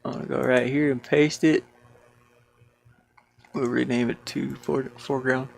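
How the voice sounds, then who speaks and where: Narrating his own game-building screen share, a man casually muses in an amused, wandering way. He's an indie developer with a creaky, mid-range voice, a level tone, and a slightly slow delivery.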